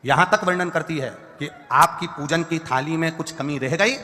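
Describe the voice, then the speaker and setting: A man's voice: on the high side, normal speed, bright, forceful tone. A man giving a devotional sermon, speaking emphatically in repeated lists and breaking into sung chants. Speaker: kathavachak preacher. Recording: long hall reverb.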